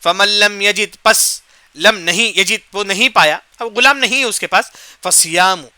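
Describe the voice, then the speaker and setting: In a high, pushed, bright voice with a clean tone and no echo, a male Quran teacher gives a commentary lesson. He asks and answers his own questions, repeats the key points, and recites short Arabic verse phrases before explaining them.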